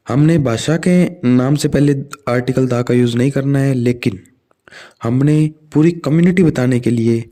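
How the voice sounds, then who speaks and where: A man's voice: medium pitch, dark tone. A man with an Indian accent teaching English grammar in a lecture, explaining rules in Hindi and reading out English example sentences. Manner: mixes Hindi with read-out English examples, addresses viewers as "saathiyon".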